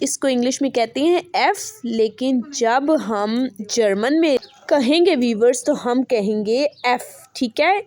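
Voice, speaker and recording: A woman teaching an online language lesson, repeating each example word slowly and checking in with her viewers again and again. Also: high-pitched, a little mellow. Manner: repeats words slowly and says "ठीक है" often.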